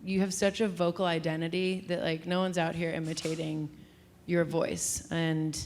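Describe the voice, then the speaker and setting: Recorded at a live music venue with slight background noise, a woman hosts an interview in a lowish, fairly flat-toned voice at a moderate pace. She poses thoughtful, admiring questions and keeps the chat moving.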